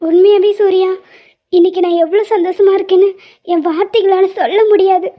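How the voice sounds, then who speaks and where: A tearful young cartoon wife. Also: female voice, extremely high pitch, steady tone, fairly quick. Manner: emotional, pleading speech. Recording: slightly dull lo-fi audio.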